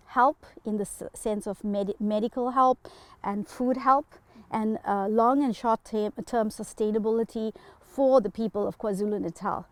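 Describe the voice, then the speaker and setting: A South African woman speaking earnestly as an interview guest, pausing often with fillers. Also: medium pitch, dry recording. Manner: earnest, halting with many fillers. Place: home.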